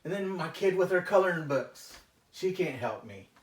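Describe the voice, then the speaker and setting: A man playing a stressed, frustrated husband and father in a therapy role-play, confessional and halting in his delivery. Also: fairly low pitch, lightly acted. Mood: agitated, bitter. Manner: halting, hesitant, confessional, with frequent trailing phrases. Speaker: therapy client. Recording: echoey room, distant mic, faint noise.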